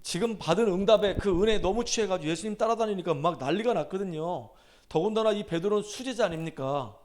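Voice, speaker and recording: A male pastor delivers an emphatic sermon with a notably high-pitched voice. He retells scripture like a story, acting out the quoted lines with swings between loud and hushed. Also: fast talker. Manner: emphatic preaching, acting out scripture quotes with rising and falling intensity.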